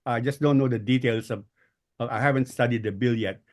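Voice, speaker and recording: Hesitant Filipino man, mid-pitched, explaining. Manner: hesitant, pausing and repeating words. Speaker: guest speaker. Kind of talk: explanatory political talk. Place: online group call.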